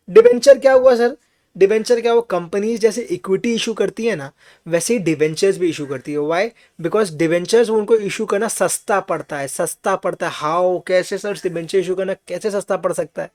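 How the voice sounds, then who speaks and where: High-voiced man teaching a class. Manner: explains patiently with rhetorical questions and checks on students; mixes English phrases into his talk. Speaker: finance teacher. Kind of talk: online class lecture.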